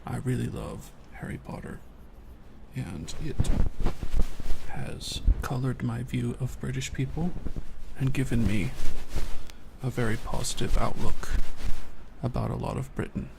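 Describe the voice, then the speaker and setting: A man in soft-spoken ASMR chat, talking in a relaxed, rambling way and answering viewers from his desk. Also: medium pitch, unhurried, gravelly, noisy background. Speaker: ASMR streamer.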